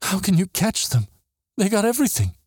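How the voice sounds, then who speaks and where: A man's voice: mid-range voice, sing-song, normal speed, a little mellow, no room sound, studio quality, voice pushed up. A man voicing a determined young woman who speaks urgently in a raised, earnest voice.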